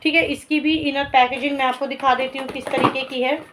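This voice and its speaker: A woman's voice: high-pitched, fairly even intonation, fairly quick, very noisy. A young woman vlogger chatting casually to her viewers in a rambling way, often slipping in English words. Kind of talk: casual family vlog chat.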